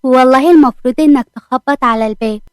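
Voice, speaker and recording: A stubborn young wife with an Egyptian accent, indignant and sulky, her voice high and quick, as a woman voices her. The sound is dry with no room around it. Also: smooth, no room sound, natural voice. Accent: Egyptian Arabic.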